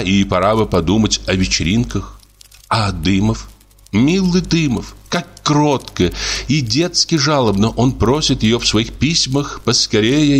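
A man reading a classic short story aloud in a measured, expressive audiobook narration. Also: fairly low pitch. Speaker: audiobook reader.

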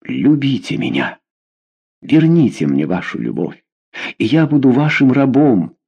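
A man's voice: mid-range voice, very animated, measured pace, creaky, mellow, breathy edge, lo-fi sound, voice pushed up, exaggerated voice. A man voicing a passionate, lovesick young duke in an audiobook, speaking fervently and pleading.

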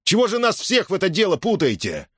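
A man reading an audiobook, voicing a fiery young frontline soldier who addresses a crowd with loud, forceful oratory. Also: high-pitched, wildly swooping pitch, quick pace, breathy edge, no room sound, studio quality, pitched above the performer's own voice, full character voice. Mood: defiant.

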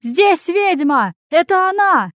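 A woman doing a panicky young tavern lad, shrill. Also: normal speed, no echo, studio quality, natural voice. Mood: terrified. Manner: frightened, stammering, yelling.

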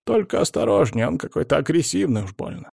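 A man's voice: on the high side, sing-song, fast talker, vocal fry, a little mellow, husky, no echo, clean studio sound, pitched above the performer's own voice, exaggerated voice. A man putting on a fretful old grandmother. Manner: lamenting, doting. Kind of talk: audiobook character voice.

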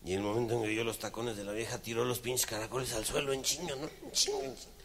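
A man with a Mexican accent telling crude jokes in animated slang. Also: medium pitch, quick pace, very noisy. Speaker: comedian. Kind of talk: stand-up joke telling.

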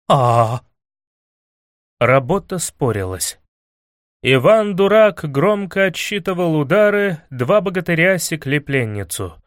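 A man's voice: fairly high pitch, a bit bright, no room sound. Man narrating a comic fairy tale. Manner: dry, mock-epic storytelling.

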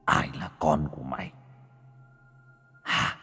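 A man's voice: slow, pushed and bright, big-room sound, soft background music. A man voicing a drowned village boy possessed by a sinister spirit, speaking in a cold, mocking, menacing way.

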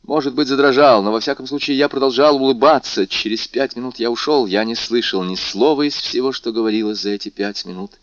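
A man narrating a novel aloud in a measured, dramatic reading. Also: medium pitch, no room sound, highs cut off. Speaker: audiobook narrator. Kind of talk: scripted narration.

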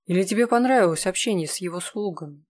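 Nikodim, voiced by the narrator as a gentle old healer. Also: mid-range voice, close to an everyday voice. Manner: quiet, unhurried, soothing. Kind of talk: audiobook character voice.

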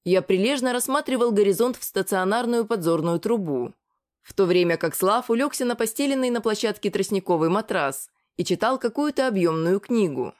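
In this clip a woman narrates an audiobook from a script, her mid-range voice keeping a steady, measured storytelling pace.

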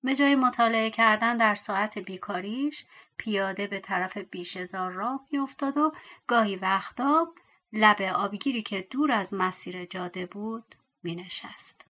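Bright-voiced woman telling a fairy tale. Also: mid-range voice. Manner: expressive, dropping to a whisper at tense moments. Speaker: audiobook narrator. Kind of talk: storytelling narration.

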